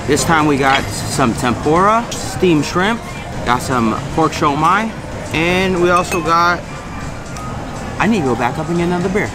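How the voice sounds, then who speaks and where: A man's voice: a little high, expressive, measured pace, over music. A man vlogging casually to camera in a busy buffet restaurant, hyping the food to his viewers. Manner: upbeat, hypes the food to viewers. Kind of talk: casual vlog chat to camera. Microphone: handheld camera at arm's length.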